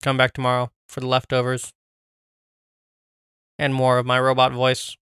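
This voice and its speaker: A man's voice: mid-range voice, normal speed, smooth, dry recording, studio quality. A man hosting a casual podcast chat and moving through entertainment news topics. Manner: relaxed, runs the topics. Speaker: podcast host.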